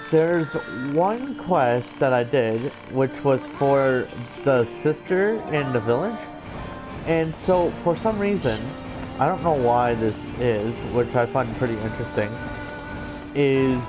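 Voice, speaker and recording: A let's player with a medium-pitched voice gives casual, rambling commentary on a game, often hesitating as he explains things. The audio quality is poor, and video game music and sounds play behind him.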